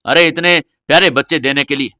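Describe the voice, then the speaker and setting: A man playing a gentle, teasing father who is recovering in bed, in an audio story. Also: fairly high pitch, a little fast, no echo, clean studio sound. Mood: fond.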